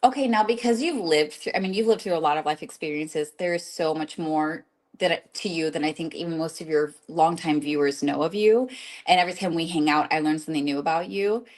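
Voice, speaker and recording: A woman's voice: low voice, a little mellow. A young woman in her twenties asking questions in a casual chat, bubbly and friendly. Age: 20s. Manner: bubbly, quick to laugh, friendly.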